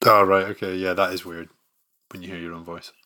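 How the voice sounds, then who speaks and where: Male podcast host, lowish pitch, forceful bright tone, loose rambling chat. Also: a little fast, slight background noise. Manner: relaxed, rambling with many fillers.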